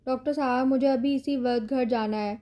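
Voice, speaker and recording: A woman's voice: high voice, steady tone, mellow, natural voice. A woman voicing a stubborn, proud young husband with curt, defiant lines in a storybook reading.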